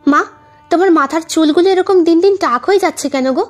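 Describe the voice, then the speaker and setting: A woman voicing a shy, slightly impatient young adult daughter in an audio story, who protests quickly. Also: extremely high pitch, soft background music, voice pushed up. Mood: fretful.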